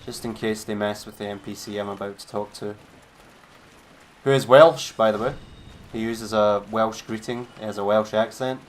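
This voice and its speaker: A man's voice: lowish voice, fairly even intonation, moderate pace, a little hiss or hum. A man streaming a game, giving laid-back, chatty commentary with a wry edge. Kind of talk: casual gameplay commentary.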